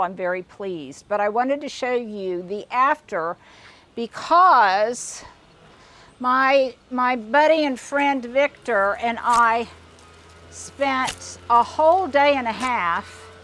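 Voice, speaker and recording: A woman's voice: fairly high pitch, a bit bright, a little hiss or hum. Chatty older woman touring her garden. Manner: chatty, digressive, restarts often. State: slightly out of breath. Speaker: garden vlogger. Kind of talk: casual garden tour. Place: outdoors in a backyard garden.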